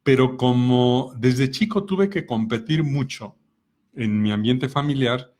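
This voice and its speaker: Middle-aged man, co-host, calm explainer, stacks rhetorical questions. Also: mid-range voice, a little slow. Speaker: co-host of a personal growth talk. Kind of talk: explanatory talk with examples.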